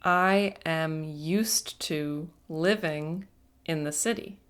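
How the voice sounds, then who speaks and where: A woman teaching an English grammar lesson, speaking patiently and deliberately and stressing each word. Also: low-pitched, background noise. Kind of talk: slow, careful grammar lesson.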